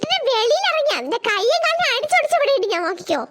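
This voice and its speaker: A woman's voice: extremely high pitch, big pitch swings, rapid-fire, heavy background noise. Angry scolding cartoon mother. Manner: shouting threats.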